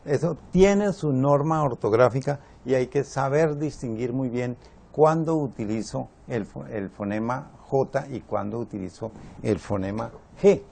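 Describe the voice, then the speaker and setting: A man teaching a spelling lesson, slow and deliberate, repeating his examples. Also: medium pitch, gravelly, mellow.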